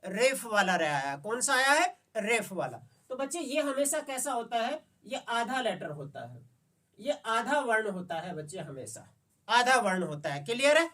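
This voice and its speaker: A woman teacher with a slightly high voice explains a lesson to children at a patient pace. She keeps stopping to check that her students are following. Her voice sounds a little distant from the microphone. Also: big pitch swings, normal speed, fairly bright tone. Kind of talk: classroom lesson.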